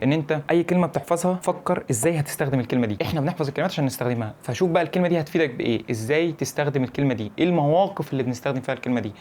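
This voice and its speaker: A man's voice: mid-range voice, slight background noise. A young man with an Egyptian Arabic accent giving casual advice to camera, repeating his points and checking that the viewer follows. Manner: rapid, animated, repeats points and checks in with "فاهم؟". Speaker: English-learning YouTuber.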